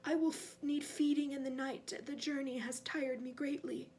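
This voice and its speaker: A woman voicing a cold, menacing, weakened male dark lord in an audiobook, imperious and deliberate, sometimes sinking to a breathy hiss. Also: high-pitched, fairly even intonation, pitched above the performer's own voice, lightly acted. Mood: commanding. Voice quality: breathy, hissing whisper at times.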